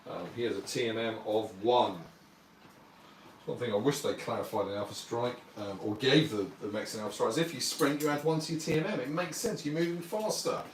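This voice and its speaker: A man's voice: medium pitch, brisk, a little hiss or hum. Man, casual live-stream game commentary, explains rules, roomy sound, distant mic. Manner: chatty, explains rules, thanks viewers. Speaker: streamer playing a tabletop wargame. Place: warm home apartment, indoors.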